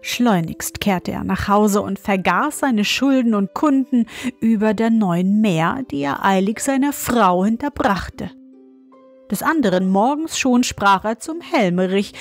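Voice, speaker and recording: A woman reads a fairy tale aloud as a bedtime story, calm and measured. Her pace is very slow and her pitch sits in the middle, with soft music faintly underneath.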